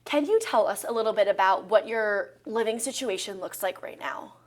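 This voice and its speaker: Woman, interviewer, medium pitch, conversational questioning. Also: moderate pace.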